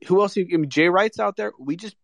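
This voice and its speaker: A man's voice: high voice, fast talker, creaky, dry recording. Casual American man, dry close sound. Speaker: co-host of a live sports audio chat. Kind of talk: casual sports talk.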